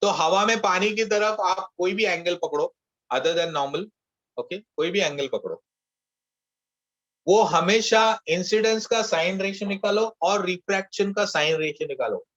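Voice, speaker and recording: A man's voice: high-pitched, expressive, a little slow, fairly bright tone, highs cut off. A male physics teacher giving an online class, mixing Hindi and English and asking the class questions, repeating each key term.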